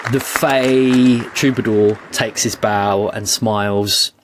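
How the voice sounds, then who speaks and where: A British man narrating a tabletop game as game master, relaxed and chatty. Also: on the low side, slow, a faint crowd, a little hiss or hum.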